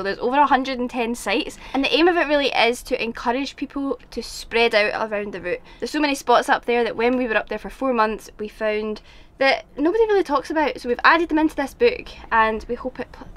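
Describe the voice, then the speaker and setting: A woman's voice: a little high, a bit bright. A young woman chatting enthusiastically to viewers from inside a camper van, filmed on a camera held at arm's length. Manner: bubbly, enthusiastic. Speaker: vlogger. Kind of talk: casual vlog chat. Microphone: handheld camera at arm's length.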